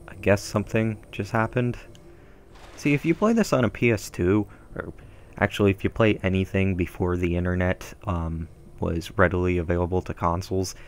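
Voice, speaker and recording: A young male let's-player with a deep voice gives casual gameplay commentary through a gaming headset mic at home. He's chatty and meandering, rambling with lots of filler and self-deprecating remarks.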